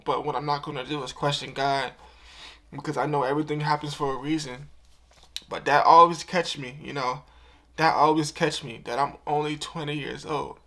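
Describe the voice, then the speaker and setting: A man's voice: on the high side, bright, forceful tone. A young man of twenty talking to camera in a heartfelt, emotional vlog, earnest and casual, often repeating himself. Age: 20s. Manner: casual slang-filled talk. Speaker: YouTuber.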